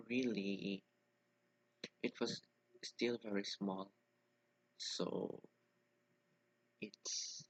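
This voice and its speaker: A young man giving an informal lesson, halting with many restarts and fillers while he explains. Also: lowish voice, creaky, husky, no room sound, low-quality recording.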